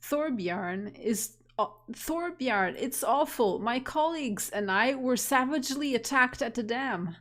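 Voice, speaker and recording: A hurt builder from a story game, shaken and halting as they recount an attack, read aloud by a woman. The voice stays close to a plain reading tone, slow and measured. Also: on the high side. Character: injured colony builder in shock.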